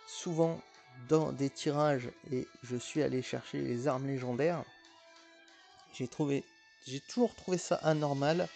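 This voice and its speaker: Male gaming YouTuber, casual chatty commentary, mid pitch, a bit of vocal fry, stop-start delivery. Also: darkish tone. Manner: chatty, rambling, with frequent hesitations and restarts.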